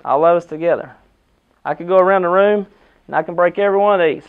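High-pitched American coach giving a pep speech. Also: male voice, quick pace, smooth, phone-quality sound. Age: middle-aged. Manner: motivational, emphatic, short punchy phrases with rhetorical questions. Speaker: basketball head coach. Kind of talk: pregame locker-room pep speech to the team. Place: indoor team locker room. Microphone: camera a few metres away.

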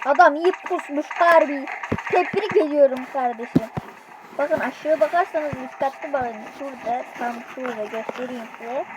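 A woman playing a video game and commenting excitedly, yelling orders at her teammates in slangy speech. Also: high voice, moderate pace, background noise. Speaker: gamer streaming gameplay. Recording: loud game sounds behind voice.

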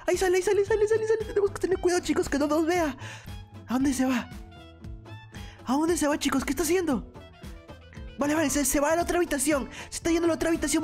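An extremely high-pitched woman commentates a video game for viewers. She speaks in exclamations and repeats short phrases with urgency. Music plays behind her voice. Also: racing, darkish tone. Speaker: gaming video host. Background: background music.

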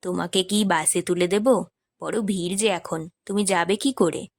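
A woman voicing a restless married man in an audiobook, speaking his lines lower. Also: fairly even intonation, normal speed. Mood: gentle. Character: married man narrator, Lalatuda, wistful and restless.

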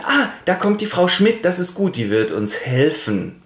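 Fields: shrill hysterical mother, as a man puts her on. Pitch: very high. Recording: roomy. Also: big pitch swings, normal speed. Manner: shrieking, scolding. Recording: roomy echo.

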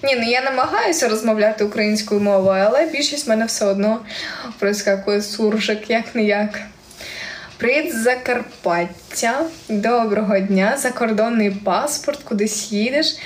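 A woman's voice: on the high side, moderate pace. A young woman from Ukraine speaking with a central Ukrainian surzhyk accent, chatting casually on a live stream and reading viewer comments aloud with frequent giggles. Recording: echoey room with faint ambient noise.

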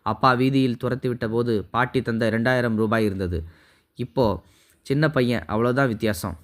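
A man narrating a first-person story in a calm, even storytelling manner. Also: mid-range voice, moderate pace.

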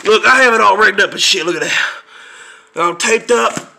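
A man doing a shrill, gravelly, furious paranoid ranter. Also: moderate pace, heavily acted. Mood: furious ranting. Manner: yelling, cursing constantly, rambling and losing his words. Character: furious paranoid conspiracy-minded man, foul-mouthed, easily sidetracked. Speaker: comedy skit character. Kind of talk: comedic rant skit.

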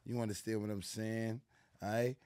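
A man's voice: on the low side, flat delivery, normal speed, a little mellow, smooth, no echo. A middle-aged man with a New York accent, a guest in a casual interview, talking in a laid-back street manner full of "you know what I'm saying". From New York City. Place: small studio lounge with plants, indoors. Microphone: studio mic on a boom arm.

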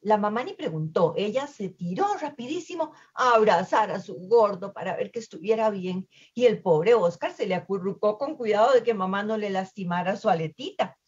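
A woman telling a children's story in an expressive, lively way. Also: medium pitch, normal speed, hardly any pauses, slightly rough, dull audio.

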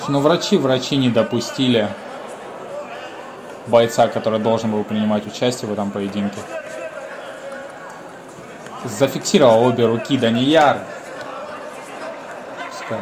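A man's voice: mid-range voice, a little slow, pauses often, a crowd in the background. A man giving live commentary on a combat sports bout as the lead commentator. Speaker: fight commentator. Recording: roomy echo, music behind.

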